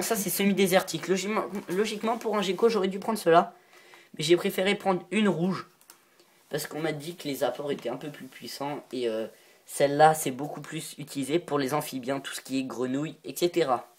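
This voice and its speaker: A man's voice: fairly high pitch, brisk. A male vlogger talking through a casual show-and-tell, chatty and loose. He rambles from item to item, breaks into giggles and freely admits he is not sure of the details. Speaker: reptile-keeping video maker.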